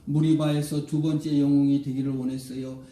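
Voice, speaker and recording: A man's voice: a little high, flat delivery, brisk, dark tone. A male pastor preaching a sermon with dramatic swings, acting out the lines of the people in his story. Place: church sanctuary. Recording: roomy church echo, mic at a distance.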